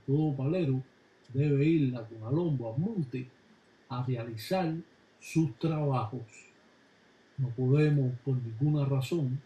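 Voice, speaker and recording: A man calmly explaining religious rituals in a measured, instructive way. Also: medium pitch. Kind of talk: explanatory narration. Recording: echoey room with background noise.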